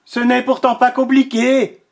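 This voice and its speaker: A woman voicing a big proud male lion, frustrated and lovelorn, roaring his words loudly in a storybook reading. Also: on the high side, level tone, unhurried, vocal fry, pitched above the performer's own voice. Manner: roaring, loud and insistent.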